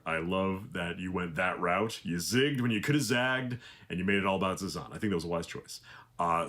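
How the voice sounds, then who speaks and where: A man with a low voice sends fans a recorded video message as a voice actor. His delivery swings lively and animated, full of playful, wry asides.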